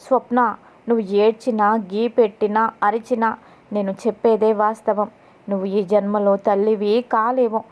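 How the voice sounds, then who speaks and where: A woman's voice: mid-range voice, level tone, normal speed, darkish tone, lightly acted. A woman narrator voicing a harsh, scheming middle-aged mother-in-law who speaks bluntly and scolds.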